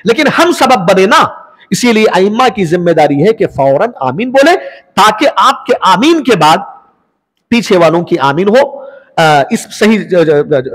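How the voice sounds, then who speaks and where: A man's voice: sits high, fairly bright tone, in a large hall. A man teaching a religious lesson, explaining prayer rules and putting questions to his listeners before answering them himself. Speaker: Islamic teacher.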